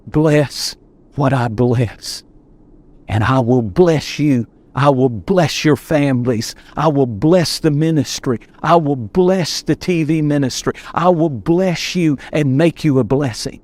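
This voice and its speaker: A man preaching quotes the Lord in a lower, gentle and solemn voice. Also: slow. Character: the Lord speaking, calm male divine voice.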